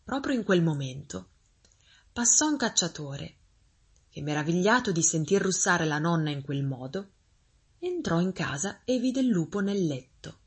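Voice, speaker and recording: A woman reading a fairy tale aloud as a storyteller, expressive and gently paced. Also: on the low side, unhurried, slightly rough.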